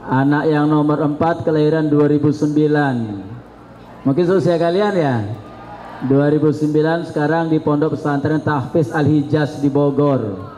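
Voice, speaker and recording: A man in his fifties, an Islamic studies lecturer from South Sumatra, talking to students in a slow, chatty, joking way. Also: a little high, steady tone, warm tone. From South Sumatra, Indonesia. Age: 50s. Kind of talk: classroom talk to students. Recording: reverberant hall with faint background noise.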